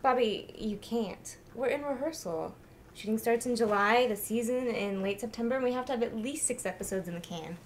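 A woman playing an ambitious young actress and girlfriend who talks in a pushy, sharp-tongued way. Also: a little high, brisk, a little hiss or hum, close to an everyday voice.

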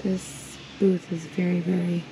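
A woman with a lowish voice and a flat, measured delivery narrates her shopping vlog from an antique mall, where she works as a reseller. Recording on a handheld camera, she is chatty and admiring, with frequent ums, while a fan whirs in the background.

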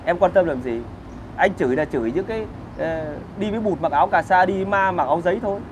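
A man rants in a high, pushed voice, crude and combative. He hosts a casual livestream from outdoors. Traffic and street noise sit loudly behind him. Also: animated, fast talker. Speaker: livestream host answering viewer comments.

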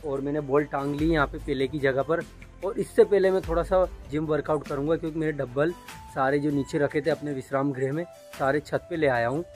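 A man's voice: fairly high pitch, fairly quick, darkish tone, faint music behind. Young man vlogging his day. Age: young adult. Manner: chatty, narrating his day to the phone. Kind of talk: casual daily-life vlog narration. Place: outdoors, on farm fields and streets. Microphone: phone held at arm's length.

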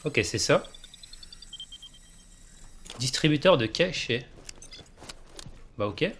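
A man's voice: fairly high pitch, expressive, slow, fairly bright tone, slight background noise. Chatty French gamer man. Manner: joking, chatty, talks to himself. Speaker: let's play gamer. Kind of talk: casual let's play commentary.

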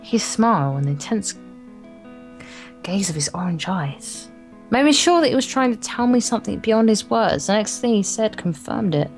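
Reading visual novel narration as a let's play co-host, a woman with a mid-range voice speaks expressively at a moderate pace. She trips over words and fixes them as she goes, with the game's guitar music in the background.

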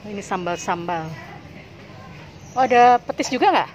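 Holding her phone camera as she browses an indoor food shop, a woman from Indonesia keeps up lively, exclamation-filled casual chat in a mix of English and Indonesian. Her mid-range voice moves at a normal pace with animated intonation. The highs sound cut off, and the shop background is loud.

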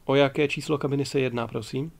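A polite, formal ship captain in his forties, as a male narrator voices him. He speaks with calm courtesy in a gravelly voice. Read for an audiobook. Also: medium pitch, close to an everyday voice. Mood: courteous.

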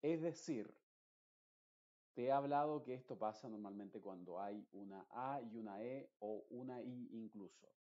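A man's voice: lowish voice, a little slow, dark tone, lo-fi sound. A man teaching English pronunciation in a patient, explanatory lesson, restating each point.

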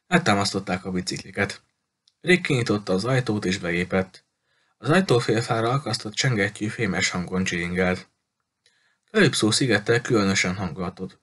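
A man narrating an audiobook in a steady storytelling manner. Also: on the low side. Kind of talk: audiobook reading.

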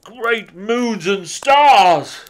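Booming, hearty Santa Claus. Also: male voice, animated, heavily acted. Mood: weary surprise. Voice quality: booming, loud. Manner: hearty, exclaiming, drawn-out delivery.

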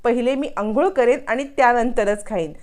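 A woman's voice: fairly high pitch, normal speed, lightly acted. A woman voicing a fussy young man who grumbles about his bath and his breakfast. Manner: complaining, fussy. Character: fussy young man, a son-in-law particular about bathing.

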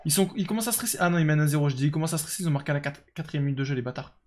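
Young guy streaming a football game, talks fast, kinda high voice, lots of euh and chatting with chat. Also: slight background noise. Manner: chatty, reads and answers chat, lots of fillers. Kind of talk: casual live game commentary.

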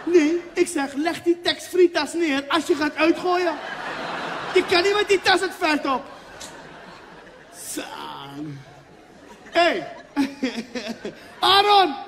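A man voicing a brash, bossy Surinamese national football coach, with a Surinamese Dutch accent, shouting and laughing. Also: very high-pitched, voice pushed up. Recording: long hall reverb, faint noise.

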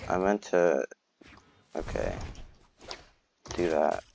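A young man giving excitable, rambling gameplay commentary and joking at his own expense. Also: deep voice, extremely slow, vocal fry, a little hiss or hum. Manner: excitable, rambling, playfully self-mocking. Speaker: gamer.

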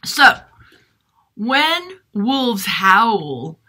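A woman's voice: on the high side, sing-song, drawn-out words, pushed and bright, slightly rough, exaggerated voice. A woman voicing a friendly, playful young wolf who helps out in a children's music class, sometimes howling. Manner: playful, with howls. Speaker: music teacher's character. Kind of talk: puppet-style music lesson.

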